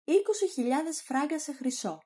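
A woman's voice: high voice, animated, dark tone, voice pushed up. A woman voicing an irritable older male hypochondriac who orders his household about. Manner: irritable, fussy, demanding.

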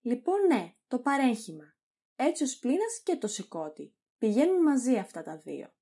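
A pompous old quack doctor who blusters through every answer, as a woman reads his lines. The voice is husky and mellow with a lively pitch. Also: heavily acted.

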